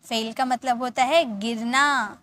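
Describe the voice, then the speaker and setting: Woman, high voice, English teacher, spells words, repeats slowly. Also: fairly even intonation, fairly bright tone. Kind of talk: spoken English lesson.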